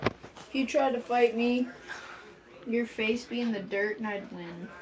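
High-voiced young woman teasing playfully. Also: measured pace, background noise. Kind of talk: casual chat with family. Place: bedroom at home.

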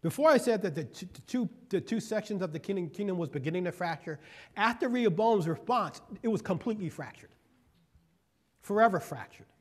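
Man, guest preacher, fairly high voice, reads scripture, folksy asides, repeats key phrases. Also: animated, brisk. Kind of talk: sermon.

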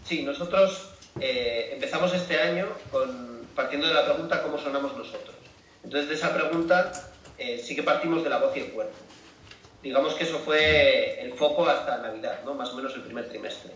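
A man's voice: mid-range voice, moderate pace, a bit bright, a little hiss or hum. A man joining by video call, answering an audience question at a forum with many fillers and hesitations. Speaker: music education project presenter on video call. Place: remote, heard over a video call in a hall. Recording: distant echoey lo-fi call audio.

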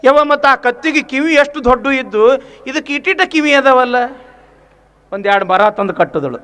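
North karnataka swami preaching, high bright voice, tells stories and repeats words for emphasis. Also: male voice, animated, moderate pace, clean tone. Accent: North Karnataka Kannada. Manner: storytelling, emphatic with repetitions. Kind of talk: sermon.

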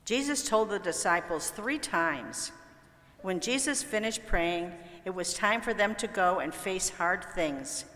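A woman reading a Bible story for children in a clear, gentle storytelling manner in a church. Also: medium pitch, lively intonation, unhurried. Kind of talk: scripted story narration. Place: church sanctuary. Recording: echoey church with long reverb.

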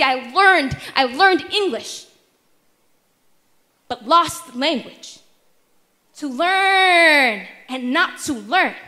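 Young woman, spoken word poet, high voice, rhythmic emphatic delivery, stand mic, indoor hall. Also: pushed and bright. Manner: rhythmic, emphatic, with deliberate stammered repetitions. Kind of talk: spoken word poetry performance. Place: wood-paneled hall, indoors. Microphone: stand microphone.

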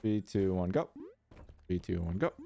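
A man's voice: low voice, animated, normal speed, creaky, a crowd in the background. A man streaming a co-op game, counting down and swearing in frustration as he plays. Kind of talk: casual gaming chat.

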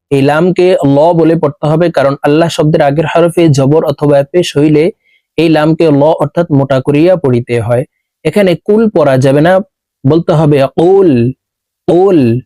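A man teaching Quran recitation, drawing words out slowly and repeating them so learners can follow. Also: on the high side, warm tone, no echo, rough recording. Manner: slow drawn-out chanting recitation alternating with brisk explanation. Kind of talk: recitation lesson.

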